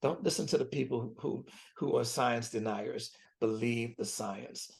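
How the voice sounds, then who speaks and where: A man in his seventies speaks as a physician guest, earnest and emphatic, often repeating key phrases. His voice has a gravelly, creaky texture at a middling pitch. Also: a little slow. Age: 70s. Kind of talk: interview conversation.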